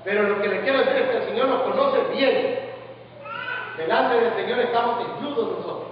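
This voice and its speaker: A man's voice: very high-pitched, brisk, slight background noise. A male preacher giving an emphatic Bible class sermon, often asking the congregation questions. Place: church hall. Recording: distant, echoey church hall, lo-fi.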